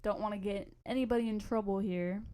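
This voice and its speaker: Young woman podcast cohost, mid pitch, rambly slangy storytelling, keeps losing her thread. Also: steady tone, fairly quick, warm tone. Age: young adult. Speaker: podcast co-host. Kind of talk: casual storytelling chat.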